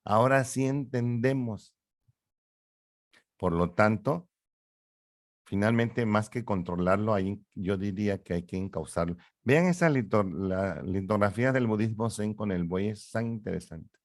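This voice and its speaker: A middle-aged man, a psychologist explaining ideas in an interview in an animated, lecturing way with rhetorical questions. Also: on the low side, a little slow, no echo, studio quality. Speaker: psychologist guest.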